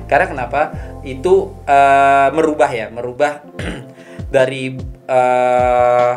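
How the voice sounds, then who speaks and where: A young man hosts a casual podcast. He explains at an unhurried pace and stops often to gather his thoughts. His voice sits in an ordinary middle pitch. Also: steady tone, faint music behind. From Makassar, South Sulawesi, Indonesia. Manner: explains patiently with many fillers, acts out local phrases. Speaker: podcast host.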